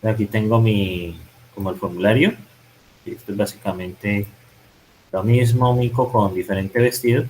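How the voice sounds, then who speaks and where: A man's voice: lowish voice, steady tone, normal speed, darkish tone, a little hiss or hum, rough recording. A man teaching programming, thinking aloud and correcting himself as he types code in a screen-recorded lesson. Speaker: programming instructor. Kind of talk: live-coding tutorial.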